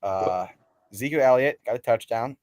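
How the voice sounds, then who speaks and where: A young man hosting a casual sports podcast, talking in an excitable, slangy, ranting way. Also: mid-range voice, moderate pace, no room sound, studio quality. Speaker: podcast host.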